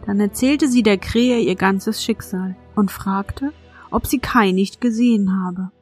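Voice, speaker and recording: A woman hosting a children's podcast, telling a fairy tale in a gentle, hushed bedtime voice. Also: medium pitch, measured pace, faint music behind. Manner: soft, warm and hushed, addressing a child. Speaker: podcast host and storyteller.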